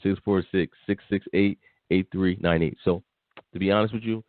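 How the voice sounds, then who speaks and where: A man's voice: low-pitched, steady tone, moderate pace, no room sound. Blunt man on a tinny phone line. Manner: blunt, dismissive, repeats himself. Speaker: podcast co-host. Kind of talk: casual opinion chat.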